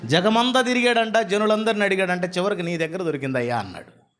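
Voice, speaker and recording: A male pastor preaches an animated storytelling sermon. He fires off rhetorical questions and builds long repetitive lists, and his voice sits slightly high for a man. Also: quick pace, over loud music.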